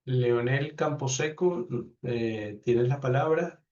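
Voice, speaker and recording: Male professor, mid pitch, polite, unhurried, heard from a distance on a dull call line. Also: darkish tone. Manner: courteous, unhurried, thanks each speaker. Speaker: professor hosting an online class. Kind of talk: calling on participants in a video class. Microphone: video call.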